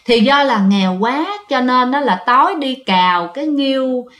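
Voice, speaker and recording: High-voiced woman, chatty ghost-story narrator, echoey room. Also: lively intonation, a bit bright. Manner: chatty, addresses listeners often with drawn-out fillers. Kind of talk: casual storytelling to listeners.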